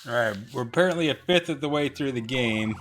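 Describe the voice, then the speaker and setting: A man's voice: medium pitch, a little fast, fairly bright tone. A man hosting a video game playthrough with casual, conversational commentary. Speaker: gaming host. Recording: game music behind the voice.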